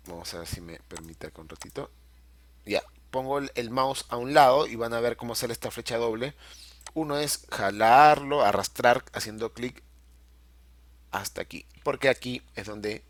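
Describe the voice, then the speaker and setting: A man's voice: medium pitch, moderate pace, long pauses, no room sound. A middle-aged man teaching a video-editing class, patiently explaining each step and checking in often with his students. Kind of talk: screen-recorded software tutorial.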